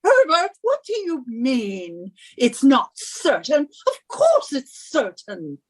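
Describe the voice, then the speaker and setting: Sitting high and swinging hugely in pitch, a woman's heavily acted voice plays a shrill, imperious, henpecking British wife in a radio suspense drama. She sounds smugly insistent, nagging and scolding slowly with theatrical emphasis.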